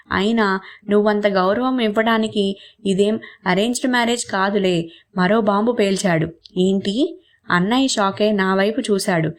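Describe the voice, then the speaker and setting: A woman telling a short story, narrating it aloud and acting out the family members' lines in quotes. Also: mid-range voice.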